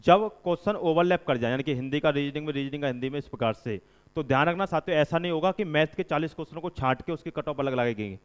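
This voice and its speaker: With a clean tone pitched a little high, a man coaches students for exams in an informal way. He gives instructions and goes back over points to stress them. Long reverb fills the dull lo-fi audio.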